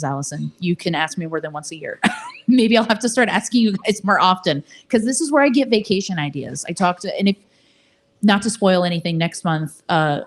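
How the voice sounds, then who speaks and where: A woman's voice: lowish voice, darkish tone. A woman hosting a monthly book discussion, bubbly and chatty, laughing often and restarting her sentences. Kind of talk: casual event hosting.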